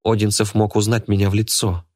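A man's voice: fairly low pitch, level tone, fairly quick, a little mellow, slightly rough. A man voicing a spiteful, scheming woman who charms snakes, speaking in a contemptuous, snapping manner. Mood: scornful.

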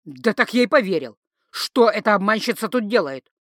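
Jealous hysterical official guy yelling, loud and whiny, dry close sound, woman reading him. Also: medium pitch, lively intonation, moderate pace, no room sound. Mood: accusing. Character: jealous shrieking husband, a city official.

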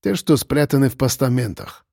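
A man reading an audiobook, voicing a calm man who answers quietly, almost in a whisper. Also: mid-range voice, moderate pace, vocal fry, no echo, studio quality. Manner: soft, hushed, even. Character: calm, quiet southern man under suspicion.

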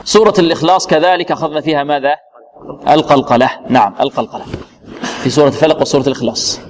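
A man teaching Quran recitation in a classroom lesson. He quizzes his students, hesitates and restarts often, then demonstrates the sounds and recites verses slowly. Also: fairly high pitch, a little hiss or hum. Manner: halting, frequent restarts and hesitations.

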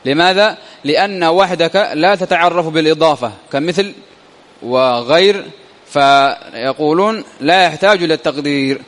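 A man's voice: a little high, moderate pace, fairly bright tone, long reverb tail. A man teaching a classical grammar lesson, often repeating key phrases and answering his own questions. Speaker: teacher explaining Arabic grammar.

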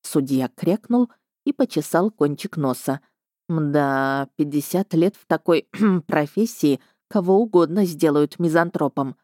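A woman's voice: sits low, animated, a little slow, a little mellow, dry recording. A woman reading a first-person story aloud with a wry, dry tone. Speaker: audiobook narrator. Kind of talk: scripted first-person narration.

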